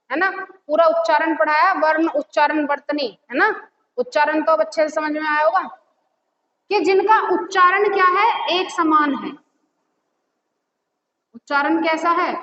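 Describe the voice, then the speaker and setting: Woman teacher, high voice, questions and answers to the class; echoey, slightly dull recording with faint hiss. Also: fairly bright tone. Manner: asks the class questions and answers them herself; repeats key words slowly. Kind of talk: classroom lesson.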